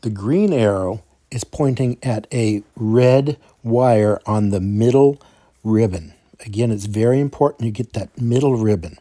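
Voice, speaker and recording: Man giving careful tutorial, mellow dark voice. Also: lowish voice, measured pace. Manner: careful, repetitive explaining. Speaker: video tutorial presenter. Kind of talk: step-by-step instructional narration.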